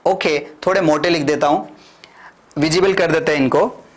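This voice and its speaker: A man with an Indian accent teaching spoken English in a classroom, drilling slow model sentences and asking the class to repeat. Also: fairly high pitch. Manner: asks the class and answers himself. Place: classroom with whiteboard.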